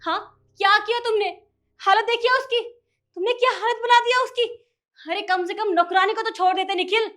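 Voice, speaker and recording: A woman playing a scheming wife of the house who scolds and accuses in a sharp, demanding way. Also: very high-pitched, fairly even intonation, brisk, few pauses. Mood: accusing. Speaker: lady of the house.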